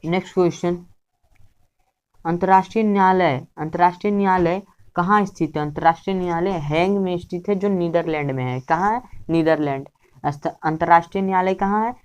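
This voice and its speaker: A woman teaching an exam revision lesson. She asks each question, gives the answer, repeats it, then closes with a quick check before the next one, and corrects her own slips as she goes. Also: lowish voice, clear, resonant tone, highs cut off.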